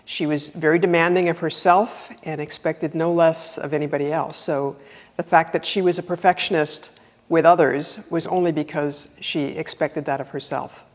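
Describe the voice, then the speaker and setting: A woman's voice: deep voice, fairly even intonation, moderate pace, long reverb tail. A woman in her fifties, a guitarist and former student, telling affectionate anecdotes in a personal testimonial. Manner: warm storytelling, affectionate.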